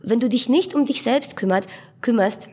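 A woman voicing a gentle, caring but weary man with a soft, hushed voice in an audiobook. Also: on the high side, normal speed, husky, pitched above the performer's own voice. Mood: pleading.

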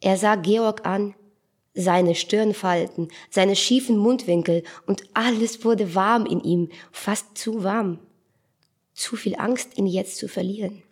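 Breathy woman reading a story. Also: mid-range voice, slow. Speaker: narrator. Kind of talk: audiobook reading.

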